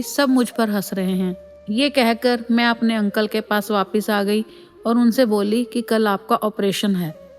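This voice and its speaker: A woman reading a devotee's first-person story as a voice-over, often addressing listeners as sangat ji. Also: fairly high pitch. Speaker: voice-over reader of devotee satsang stories.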